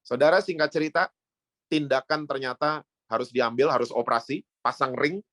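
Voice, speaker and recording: A man's voice: moderate pace, a bit bright, dry recording. Middle-aged male pastor preaching a sermon. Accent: Indonesian. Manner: storytelling, mixing in English phrases, rising to a high voice when quoting. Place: church sanctuary.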